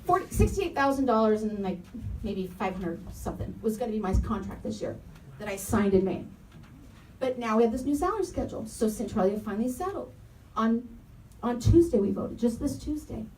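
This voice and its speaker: Speaking at a community forum, this thirties-aged parent and educator delivers a heartfelt, passionate comment and keeps returning to her main phrases. Her fairly high voice is brisk and darkish, with wide pitch swings. The handheld microphone sits a bit far from her in a spacious, echoing room, leaving faint noise in the audio.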